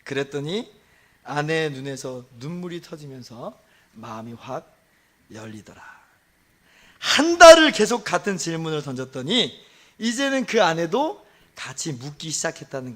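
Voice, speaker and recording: Animated high-voiced preaching man. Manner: animated storytelling, swinging from soft asides to loud outbursts; self-deprecating humor. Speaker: pastor. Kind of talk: Sunday sermon.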